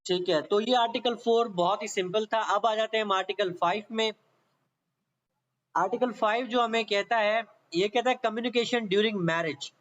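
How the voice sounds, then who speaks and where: A man with a Pakistani accent gives an explanatory law lecture, reading passages aloud before explaining them. He repeats points and frequently checks that listeners are following. His voice sits high and a bit bright at a moderate pace, and the audio is dull.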